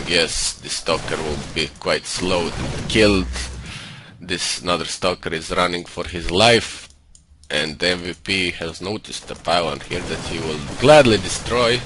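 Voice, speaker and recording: A man putting on a Russian accent for comic effect, commentating on a video game in a cocky, condescending manner. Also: low voice. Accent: put-on Russian. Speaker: StarCraft game caster and streamer. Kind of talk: live-style game commentary. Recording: home computer mic with faint noise.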